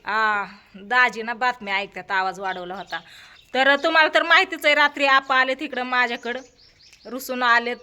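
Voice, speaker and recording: A middle-aged woman, chatting lively and directly to her viewers in a family vlog. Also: a little high, normal speed, clear, resonant tone. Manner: lively, talks straight to viewers. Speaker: vlogger.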